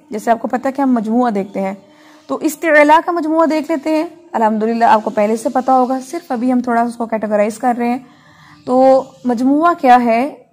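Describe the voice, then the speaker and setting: A woman teaching an online Quran recitation class, slowly drilling letter sounds and checking in often with her students. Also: sits high, darkish tone. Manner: slow, patient, drills letters aloud with frequent check-ins. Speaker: Tajweed teacher.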